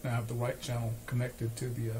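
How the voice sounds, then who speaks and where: This repair demonstrator speaks with a completely flat, darkish, medium-pitched voice as he explains an unscripted, hands-on fix step by step, pausing hesitantly. He works at a small, cluttered electronics bench indoors, and the recording is noisy with workshop equipment sounds.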